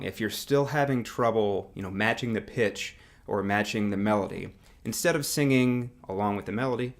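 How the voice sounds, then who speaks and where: A man teaching singing with a guitar, explaining in a relaxed, casual way, with guitar playing under his voice. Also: lowish voice, vocal fry. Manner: relaxed explaining, demonstrating on guitar, hums along with notes. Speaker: music teacher.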